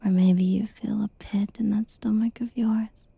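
A woman whispers softly and slowly, her voice very breathy and airy with a gravelly edge of fry. Her tone is deeply mellow and stays within a narrow, even range, soothing and reassuring in an ASMR roleplay. The sound is close and completely dry. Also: no echo. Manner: slow, tender and reassuring.

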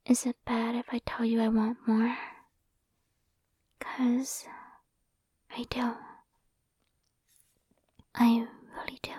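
A young woman whispers close to the microphone in an intimate ASMR roleplay, sweet and affectionate. Her voice is breathy and mellow, a little high, and she speaks slowly and evenly. The sound is dry, with no room around it. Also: little pitch movement, no echo. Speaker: ASMR performer. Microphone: close sensitive microphone.

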